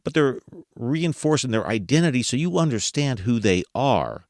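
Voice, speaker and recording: A man's voice: mid-range voice, very animated, moderate pace, darkish tone, no echo, clean studio sound. A man hosting a podcast, talking casually to listeners, asking them rhetorical questions and chuckling as he goes. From United States. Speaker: podcast host.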